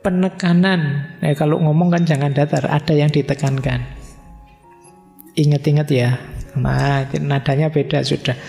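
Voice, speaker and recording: Gravelly lecturer in a hall. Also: male voice, on the high side, steady tone, measured pace, pauses often, darkish tone. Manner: casual, teasing, mixes in Javanese words. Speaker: philosophy lecturer. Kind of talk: live lecture. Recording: lecture hall with long reverb, faint music.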